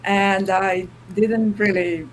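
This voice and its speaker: A middle-aged woman chats as an interview guest, laughing easily between her answers. Her voice sits at an ordinary middle pitch, with a faint hiss of noise behind her. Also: steady tone, takes it slowly, rough recording. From Romania. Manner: laughs often, warm and appreciative. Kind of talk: casual interview chat.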